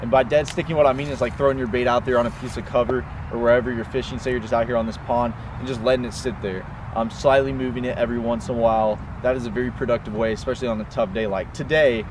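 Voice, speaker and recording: A man's voice: medium pitch, fairly even intonation, quick pace. A young man hosting a fishing video outdoors by a pond, explaining techniques in a chatty way with lots of fillers. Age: young adult. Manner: chatty, fillers like "you know" and "um". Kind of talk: casual outdoor instruction. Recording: outdoor recording with clear background noise.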